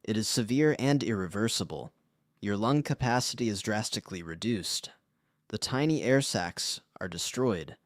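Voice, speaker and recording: A man reading the part of a stern male lung doctor delivering a hard verdict in a firm, final tone. The voice sits low, and the sound is close and dry, with no room around it. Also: lively intonation, moderate pace, dry recording, natural voice. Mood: grave.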